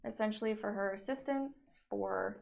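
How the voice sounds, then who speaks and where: A woman's voice: medium pitch, moderate pace, vocal fry, darkish tone, slight background noise. A woman playing a tabletop game, giggly and rambling. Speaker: player.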